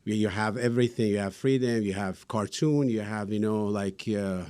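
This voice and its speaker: A man's voice: lowish voice, normal speed, warm tone, smooth. A middle-aged man from Iran with an Iranian accent, answering interview questions earnestly and rambling with many fillers. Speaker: guest.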